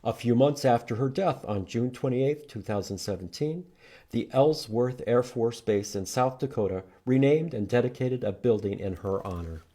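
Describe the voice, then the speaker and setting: Reading aloud at a moderate pace, a male library storytime host teaches letters to young children. His mellow, mid-range voice delivers short, simple phrases with sing-song emphasis.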